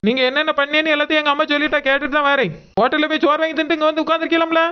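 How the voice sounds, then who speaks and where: A woman's voice: high-pitched, level tone, lo-fi sound, lightly acted. A woman playing a defiant college girl who angrily confronts her sister-in-law over her sister and baby. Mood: angry. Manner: angry, confrontational, fast. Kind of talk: amateur family drama acting.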